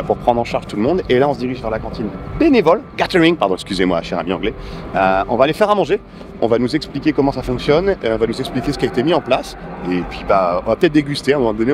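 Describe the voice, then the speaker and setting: A man hosting a vlog, chatting casually and jokingly to the camera while walking outdoors. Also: mid-range voice. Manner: joking, rambling with fillers. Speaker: vlogger host. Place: outdoors at a festival parking lot. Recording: noisy outdoor recording.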